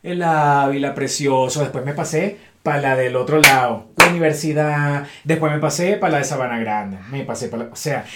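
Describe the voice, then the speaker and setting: A man's voice: fairly high pitch, moderate pace, hardly any pauses, a bit bright, slight background noise. A Venezuelan man co-hosting a podcast, telling travel stories in casual, slangy chat. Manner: slangy, storytelling, colloquial swearing. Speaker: podcast co-host.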